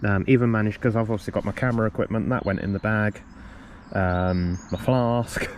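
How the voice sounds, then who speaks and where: Low-voiced man rambling through his tackle. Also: a little fast. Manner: relaxed, rambling, lots of ums and self-corrections. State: coughing a lot. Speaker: fishing vlogger. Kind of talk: casual gear walkthrough. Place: outdoors on a riverbank. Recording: outdoor recording with clear background noise.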